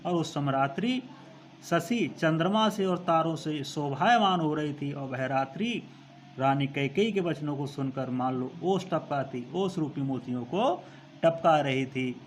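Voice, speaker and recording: A man's voice: a little high, a little hiss or hum. Man explaining a poem line by line. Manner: recites verse slowly, then paraphrases it; repeats phrases while explaining. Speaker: teacher.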